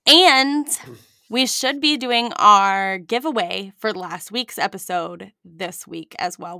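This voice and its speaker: Bright, chatty woman podcaster. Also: medium pitch, creaky, no room sound, clean studio sound. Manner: chatty, teasing, upbeat sign-off. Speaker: podcast co-host and producer. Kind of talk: casual podcast chat.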